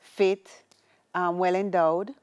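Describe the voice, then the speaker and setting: A woman, a guest telling her life story in casual chat, animated and laughing often. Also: fairly low pitch, slow, smooth.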